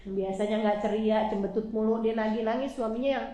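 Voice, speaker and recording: Brief: woman preacher, casual heartfelt sermon, speaks right to her audience, higher voice, echoey hall sound. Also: steady tone, brisk, dark tone, slight background noise. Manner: casual and emotional, often addressing the audience as friends. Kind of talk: conversational sermon. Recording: roomy echo.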